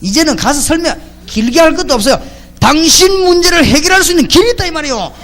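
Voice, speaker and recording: A man's voice: very high-pitched, expressive, fast, fairly bright tone. A man preaching a sermon as pastor. He tells stories in a colloquial way, hits his points with short emphatic exclamations, and throws rhetorical questions at the congregation.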